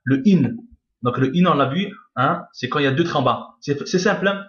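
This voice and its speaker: A man's voice: fairly high pitch, expressive, brisk. Patient male Arabic teacher, roomy lo-fi. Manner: patient, repeats each point, checks in with "d'accord?". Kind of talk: online reading lesson. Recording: roomy, dull lo-fi sound.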